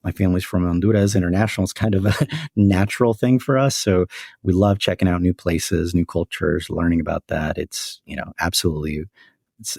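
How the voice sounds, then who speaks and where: A man, a company CEO, giving measured and reflective interview answers, often saying "frankly" and "right?". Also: low voice, vocal fry, darkish tone, breathy edge, no echo, clean studio sound. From United States.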